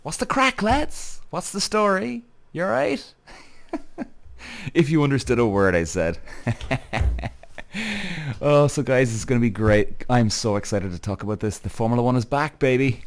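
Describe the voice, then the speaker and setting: A man's voice: mid-range voice, darkish tone. Sweary, opinionated man with a Cork Irish accent. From Cork, Ireland. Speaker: show host. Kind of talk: casual motorsport commentary to viewers.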